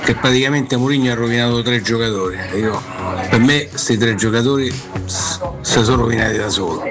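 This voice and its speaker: A man's voice: medium pitch, brisk, music in the background. A man giving a casual football opinion as a radio listener.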